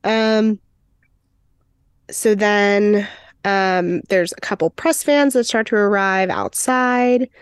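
A woman's voice: medium pitch, slow pace, smooth, no echo. Brief: woman podcast host, chatty recap, filler-heavy, close dry mic. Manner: chatty, many fillers, acts out quotes. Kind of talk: casual chat recapping a film.

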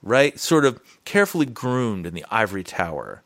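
Animated man talking in casual conversation. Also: fairly low pitch, moderate pace. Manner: animated, rambling, many restarts. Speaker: podcast co-host and writing teacher.

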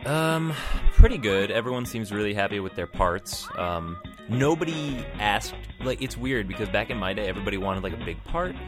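A man's voice: on the low side, animated, moderate pace, few pauses, over music. A man co-hosting a podcast in casual, bantering conversation. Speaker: podcast co-host.

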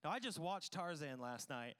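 At a church service, a pastor delivers a conversational sermon to the congregation, casual, joking, and poking fun at himself. His slightly high voice has a sing-song lilt, a fairly bright tone, and a moderate pace.

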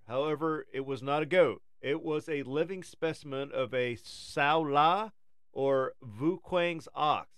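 Guy doing nature documentary style narration, smooth clear voice, measured and formal, super dry sound. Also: medium pitch, dry recording. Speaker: podcast co-host.

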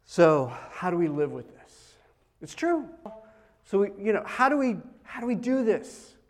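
A middle-aged pastor with a voice that sits high delivers a conversational sermon at normal speed. He tells stories in a casual, animated style, his loudness swinging widely.

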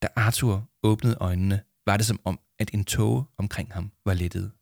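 A man reading a children's audiobook as narrator in a steady storytelling manner. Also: fairly low pitch, vocal fry, no room sound, studio quality. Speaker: audiobook reader. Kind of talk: scripted narration.

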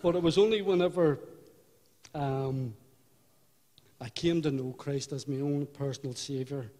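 A man's voice: medium pitch, dark tone. Older Belfast man giving church testimony. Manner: unhurried, reflective, halting. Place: church hall. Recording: hall reverb.

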